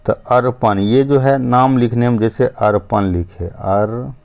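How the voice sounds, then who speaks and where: A man's voice: mid-range voice, vocal fry, a little mellow. A man teaching a step-by-step spelling lesson, explaining patiently and repeating himself. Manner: slow, patient explaining with frequent "ठीक है" and "अब जो है". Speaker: English teacher.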